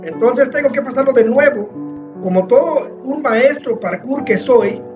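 A man with a high voice narrates his own gaming run in a boastful, mock-heroic tone, often breaking into loud exclamations. He drags his words out slowly. Faint music plays softly behind him. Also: muffled recording. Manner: excitable, dramatic self-hype, mock-heroic third-person boasting; frequent exclaiming and shouting. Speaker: gamer playing a parkour map. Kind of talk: excitable gameplay commentary.

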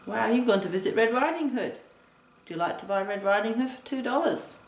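This woman's voice sits on the high side, with lively intonation and normal speed, as she leads a partner through a board game one step at a time, counting out loud like a teacher. It's an indoor tabletop setting, recorded with a far-off, noisy mic in a roomy space.

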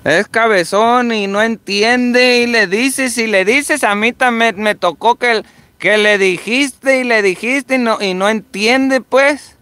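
A woman's voice: a little high, slow, a bit bright, no echo. Chatty middle-aged mother, dry close sound. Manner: chatty, supportive, repeats herself with restarts. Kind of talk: casual conversation.

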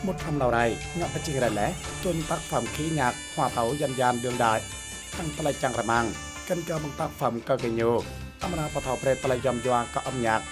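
Male voice reading a tv feature script, even and steady, mid-pitched, soft music behind. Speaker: news narrator. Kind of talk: scripted broadcast narration.

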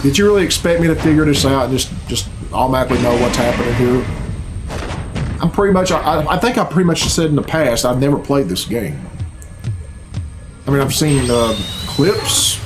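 This reaction video host, a man in his thirties, speaks at a normal speed in an expressive mid-range voice. His casual commentary is blunt, sarcastic and full of profanity, recorded indoors in a small home bedroom with game cutscene music behind him.

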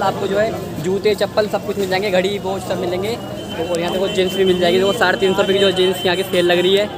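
With a high-pitched voice, a man in his twenties chats to viewers while strolling a busy outdoor street market, phone held at arm's length. He calls his audience guys and brother, asking what things cost and repeating the prices aloud, with a loud street crowd behind him.

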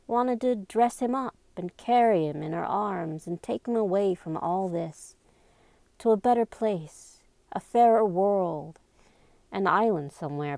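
A woman reading a novel aloud as an amateur narrator, voicing the dialogue by going higher and slower. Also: gravelly, dark tone, dry recording. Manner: raises pitch and slows down for dialogue. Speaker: amateur audiobook reader.

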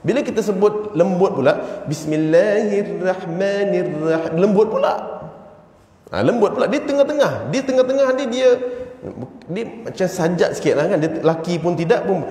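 A man's voice: sits high, very animated, normal speed, a little mellow. A man with a Malaysian Malay accent giving an evening religious lecture in a mosque, teaching in a chatty way and chanting short Quranic phrases to show pronunciation. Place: mosque hall. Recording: echoey mosque hall.

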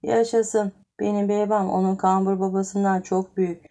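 A woman's voice: mid-range voice, little pitch movement, normal speed, warm tone, natural voice. A woman voicing a spoiled little boy who asks proud, eager questions in an audiobook story. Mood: boastful.

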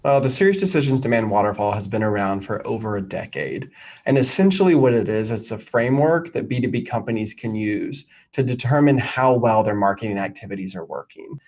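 A man's voice: lowish voice, lively intonation, a little fast, darkish tone, poor audio. A man in his thirties, a marketing executive, explains frameworks confidently and fluently on a video call. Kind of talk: business interview answers. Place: home office, indoors.

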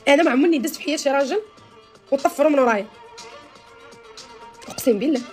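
With a high, racing voice, a Moroccan Arabic-accented woman in her thirties talks animatedly to her live stream audience from a small room. The social media personality holds her phone at arm's length, speaks emphatically and gestures plenty, with soft music in the background.

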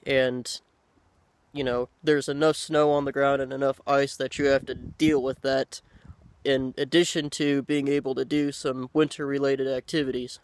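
A man in his thirties chatting casually to the camera outdoors, unhurried and halting, with pauses. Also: medium pitch, flat delivery, clear, resonant tone. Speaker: pipe-smoking video blogger. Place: outdoors by a lake in woods. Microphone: handheld camera at arm's length.

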